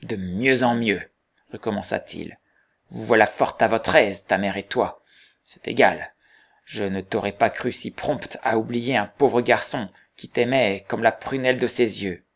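A man's voice: lowish voice, unhurried, creaky. A man reading aloud and voicing a blunt, suspicious older man who asks probing questions. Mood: reproachful.

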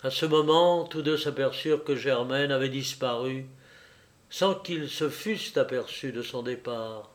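Slow, measured male narrator. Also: medium pitch. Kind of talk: audiobook reading of a novel.

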